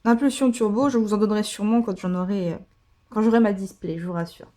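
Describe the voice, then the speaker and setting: A card-opening vlogger chats casually while tearing into trading card packs, gushing over her pulls and using lots of fillers. Her voice is medium in pitch and warm, with fairly even intonation, and she talks fast.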